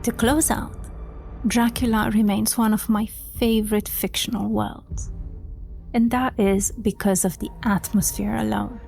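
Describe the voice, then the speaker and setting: A woman from Romania hosting a book-talk podcast, speaking softly and sometimes dropping to a whisper. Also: mid-range voice, fairly even intonation, a little slow, vocal fry, soft background music. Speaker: podcast host.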